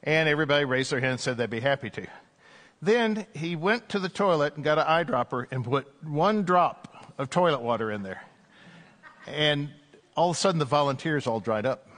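A man preaching a sermon as an Anglican priest at a pulpit microphone in church, in a conversational way with gentle jokes and "uh" fillers. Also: fairly high pitch.

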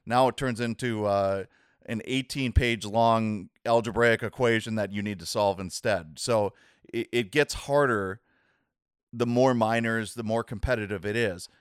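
Smooth-voiced man explaining, halting restarts. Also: lowish voice, no room sound, studio quality. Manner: halting, many restarts and "right?" checks. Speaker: guest explaining Bitcoin. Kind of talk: casual explanatory interview talk.

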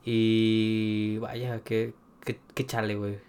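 A man's voice: fairly low pitch, completely flat delivery, takes it slowly, darkish tone, a little hiss or hum. Young man, slangy casual banter. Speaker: podcast co-host. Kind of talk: casual chat.

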